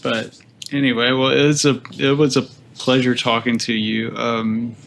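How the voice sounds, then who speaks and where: A man from Louisiana hosting a casual game-development interview podcast, relaxed and rambling, laughing easily. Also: medium pitch, moderate pace, gravelly, slight background noise. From Louisiana, USA. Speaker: podcast host.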